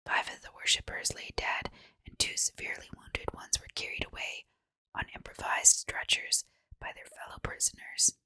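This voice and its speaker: A woman reading a horror story for ASMR in a hushed, breathy, unvoiced whisper, with deliberate, measured phrasing. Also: no room sound. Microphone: close mic, dry.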